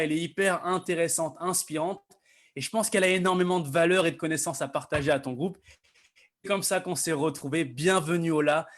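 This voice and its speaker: An upbeat man hosts a live online interview and greets his community. His voice is on the high side, and he talks in a friendly, halting way, often restarting his sentences. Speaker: host.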